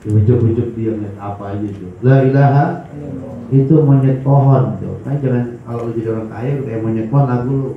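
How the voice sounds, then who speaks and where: A man preaching at a religious study session, animated, swinging between loud cries and low mutters. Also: fairly quick. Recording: echoey hall, dull lo-fi sound, faint hiss.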